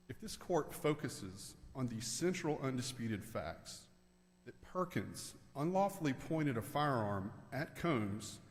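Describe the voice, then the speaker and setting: A man argues like an appellate lawyer, in formal and deliberate phrases with firm emphasis. His medium-pitched voice carries the long reverb of a large hall. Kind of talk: formal legal oral argument. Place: large indoor auditorium.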